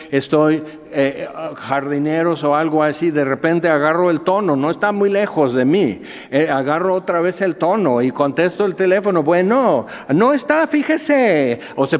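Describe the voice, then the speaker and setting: A man preaching a sermon in a conversational way, with asides and questions to the congregation. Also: fairly high pitch. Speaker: pastor. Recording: dull sound with long hall reverb.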